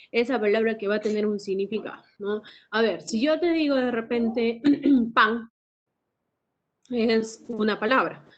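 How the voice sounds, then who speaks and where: A woman teacher lecturing a class, often asking tag questions and clearing her throat. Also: a little high. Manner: asks frequent tag questions. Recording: dull lo-fi recording.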